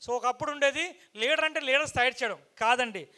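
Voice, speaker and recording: A man with a very high, ringing voice gives a rousing motivational stage speech. He leads a sales team and fires off rhetorical question after rhetorical question, pressing the crowd to shout back. His talk comes in punchy short phrases with sudden loud bursts and a bright, forceful edge. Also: fast talker.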